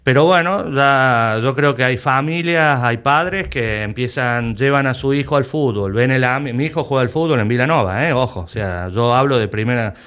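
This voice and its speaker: A man's voice: mid-range voice, normal speed, few pauses, fairly bright tone, clear, resonant tone. Emphatic Argentine man, repeating himself. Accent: Argentine Spanish. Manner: emphatic, repeats words while searching for them. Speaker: rugby club president. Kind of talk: conversational interview.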